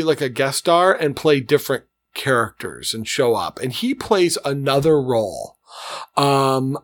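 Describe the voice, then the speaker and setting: A man's voice: fairly high pitch, no echo. A man co-hosting a podcast, chatting casually and telling stories with enthusiasm. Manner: enthusiastic storyteller, frequent restarts. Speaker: podcast co-host. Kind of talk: casual chat. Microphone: podcast mic in a living room.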